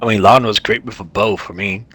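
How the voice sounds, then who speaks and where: A man's voice: on the low side, fairly even intonation, brisk, pushed and bright. A man chatting casually with a gamer friend in a laid-back, joking way. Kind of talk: casual chat.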